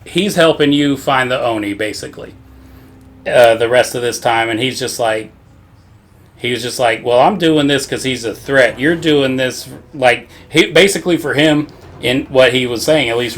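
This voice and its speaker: A man's voice: mid-range voice, fairly even intonation, moderate pace, a bit bright. A man casually recapping a video game story, rambling with lots of swearing and frequent laughter. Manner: rambling, profane, laughs often. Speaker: podcast co-host.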